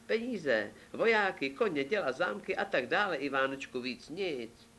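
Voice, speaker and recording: A man's voice: fairly high pitch, big pitch swings, pushed and bright, slight background noise, pitched above the performer's own voice, full character voice. A man voicing a fussy, greedy king in a fairy tale, coaxing and demanding by turns.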